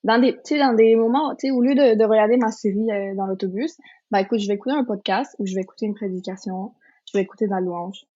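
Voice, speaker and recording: A woman's voice: mid-range voice, fast, mellow. A woman in her twenties from Colombia, sharing her personal faith story as a podcast guest in an earnest, casual way with many fillers and restarts. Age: 20s. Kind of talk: casual testimony chat. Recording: slightly dull lo-fi sound.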